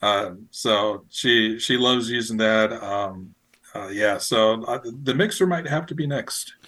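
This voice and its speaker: Talking slowly in a bright, forceful voice that sits on the low side, a man chats as a radio station operator in a casual podcast interview. He rambles and repeats phrases while hunting for the right words.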